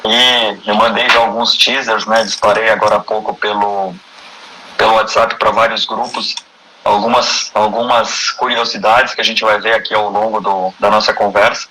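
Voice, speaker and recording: Brazilian male host, low-ish bright voice, friendly and chatty, restarts a lot. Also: flat delivery, moderate pace, a little hiss or hum, low-quality recording. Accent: Brazilian Portuguese. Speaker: host of a live stream. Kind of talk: casual live-stream interview.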